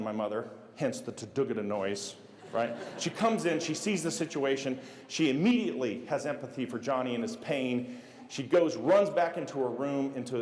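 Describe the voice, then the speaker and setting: Animated man telling stories in a big hall. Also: mid-range voice. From United States (Las Vegas). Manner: animated storyteller, acting out scenes with sound effects. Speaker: keynote speaker. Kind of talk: motivational storytelling speech. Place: large hall. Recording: echoey hall with long reverb.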